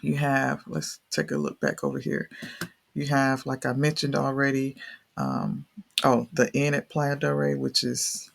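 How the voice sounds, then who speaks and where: A man's voice: mid-range voice, sing-song, unhurried, gravelly, a bit bright. A man with a thick Southern US accent, talking casually and off the cuff as he hosts a rambling, folksy map tour. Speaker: real estate video host.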